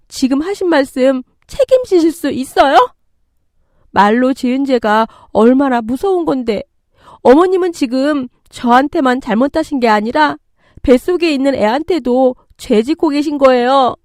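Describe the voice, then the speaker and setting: A woman reading a story voices a pregnant young wife facing her mother-in-law. She speaks earnestly, her pitch moving a lot. The recording is dry and close. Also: lively intonation, a little slow, warm tone, no echo, close to an everyday voice. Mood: indignant. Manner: pleading, then indignant.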